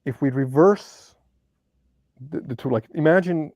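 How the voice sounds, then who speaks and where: A debate guest whose first language isn't English discusses philosophy, hesitating and searching for words with lots of ums. He has a fairly high, slightly mellow voice and speaks at a measured pace, with no echo in the recording.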